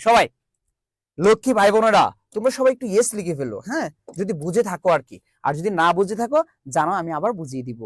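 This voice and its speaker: A man's voice: sits high, dry recording. A man teaching an online grammar class, drilling students with call-and-response and repeating each question. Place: virtual classroom.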